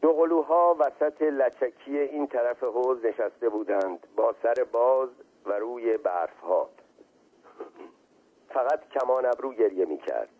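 Man narrating a story, husky voice, tinny radio sound. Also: medium pitch.

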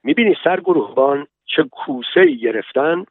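Direction: a man playing an eager village man in a radio story, pitched higher than the narration and full of excitement, thin and tinny like an old broadcast, dry and close. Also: vocal fry, dry recording, heavily acted.

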